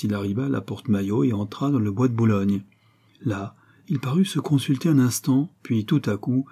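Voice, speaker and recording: A man reading a novel aloud as narration, in measured, literary phrasing. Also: mid-range voice, dark tone, slightly rough. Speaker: audiobook reader.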